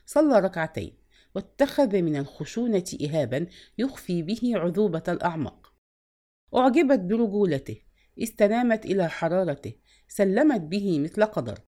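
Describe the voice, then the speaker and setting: Lively woman reading a novel aloud. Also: mid-range voice, normal speed. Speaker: narrator.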